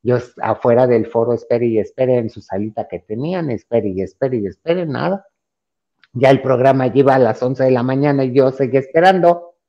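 Animated Mexican man telling a story. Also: mid-range voice, a little fast, dull audio. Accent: Mexican Spanish. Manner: animated, acts out quoted dialogue in a raised voice. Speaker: podcast guest. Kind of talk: casual anecdote telling.

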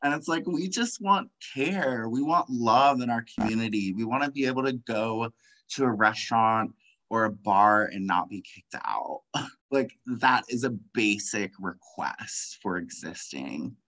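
An impassioned young man in casual conversation, dropping "like" after "like" and breaking into short laughs. His voice is bright and forward. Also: on the low side, lively intonation, unhurried, rough recording. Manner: impassioned, many "like" fillers, frequent laughs. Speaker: guest.

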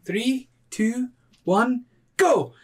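Confident female rival acted by a man, teasing, raised pitch, tabletop fantasy game. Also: very animated, fairly quick, slightly rough, heavily acted. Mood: teasing confidence.

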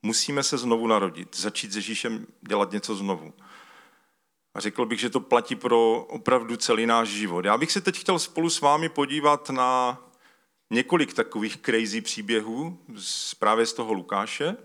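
In a relaxed, conversational sermon, a man with a mid-range, slightly bright voice reads scripture aloud. He calls for slides partway through and his speech is full of fillers and restarts.

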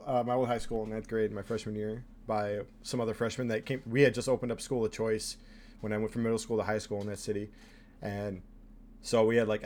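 A man's voice: lowish voice, a little mellow, a little hiss or hum. Laid-back rambling young man. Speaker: podcast co-host. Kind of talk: casual chat.

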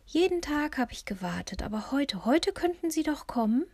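A woman reading an audiobook, voicing a confused, frail old woman in a soft, whispery voice. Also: sits high, big pitch swings, normal speed, dry recording, voice pushed up. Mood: anxious, hopeful.

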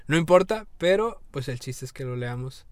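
A young man with a Mexican accent, his voice sitting a little high, chats casually as a podcast co-host. He talks loosely, jokes around and swears without a second thought. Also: animated, normal speed, darkish tone, smooth, dry recording. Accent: Mexican Spanish. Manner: loose, joking, swears freely. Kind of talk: casual chat.

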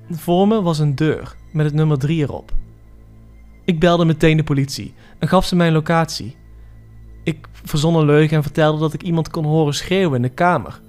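A man reading a dramatic first-person horror story for a podcast, measured and tense. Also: on the high side, darkish tone. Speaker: podcast narrator. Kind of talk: scripted horror story narration.

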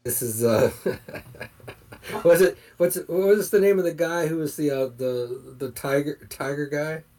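A man's voice: a little high, a little slow, a little mellow. A man chatting casually at a tabletop game, chuckling as he tells stories. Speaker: player. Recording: husky voice on a distant mic.

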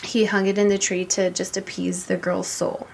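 A woman's voice: mid-range voice, flat delivery, normal speed, creaky, slight background noise, rough recording. A woman co-hosting a casual podcast, chatty and giggly, retelling a spooky story with lots of "like" and "um". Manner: chatty, giggly, many "like" and "um" fillers. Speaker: podcast co-host. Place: home room with an open window.

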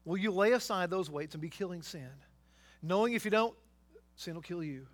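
High-voiced preacher delivering a fervent sermon. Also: male voice, normal speed. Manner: emphatic, building to loud exhortations with rhetorical questions. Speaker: pastor.

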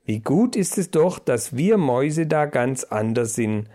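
A man's voice: mid-range voice, big pitch swings, unhurried, mellow. A man voicing a cheerful, naive female mouse.

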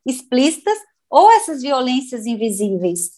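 A woman's voice: high-pitched, big pitch swings, measured pace, mellow. A woman with a Brazilian Portuguese accent who hosts the conversation and speaks in a thoughtful, reflective way. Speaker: host. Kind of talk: conversational interview talk.

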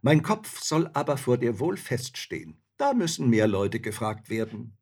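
A man voicing a fearless, shrewd young male student in a storybook reading, answering calmly and matter-of-factly. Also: mid-range voice, measured pace, slightly rough, full character voice. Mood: cool. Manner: calm, matter-of-fact replies.

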